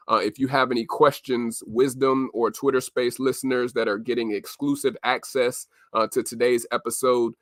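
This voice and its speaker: A man hosting a podcast, giving upbeat shout-outs with frequent "uh" fillers. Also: mid-range voice, no room sound, studio quality. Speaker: podcast host. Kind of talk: podcast host intro.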